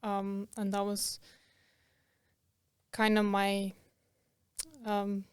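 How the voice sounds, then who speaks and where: A woman's voice: mid-range voice, monotone, very slow, smooth, dry recording, studio quality. A young woman from Croatia, a podcast guest, chatting casually with lots of fillers and laughs. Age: young adult. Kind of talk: casual interview.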